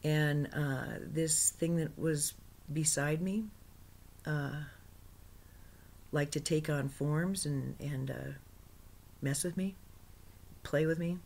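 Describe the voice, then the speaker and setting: A woman with a low voice tells of a meditation experience without a script. She stumbles, restarts and often drops to a soft whisper, with easy laughs breaking in. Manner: laughs often, excitable in places. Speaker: spiritual author recounting a meditation. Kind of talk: unscripted personal recounting.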